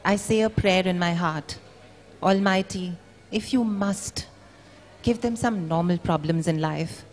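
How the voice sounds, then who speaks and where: At a live book event in a large indoor venue, a woman with a lowish voice reads a literary passage aloud dramatically and a little slowly. The hall is echoey.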